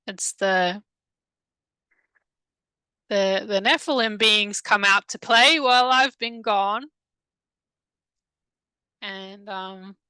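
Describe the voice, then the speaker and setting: Woman in a hypnosis session, slow and hesitant, smooth clear voice, dry close mic. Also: medium pitch, no room sound, rough recording. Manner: halting, hesitant, many restarts and fillers; soft, subdued, emotional. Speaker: hypnosis client. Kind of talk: recounting a past-life regression under hypnosis.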